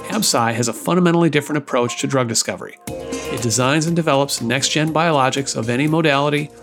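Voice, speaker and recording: A man hosting a podcast, reading sponsor spots and then chatting with his guest in a relaxed way. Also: mid-range voice, music in the background. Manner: brisk ad reading, relaxed chat with fillers. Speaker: podcast host. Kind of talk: read ads, then casual interview.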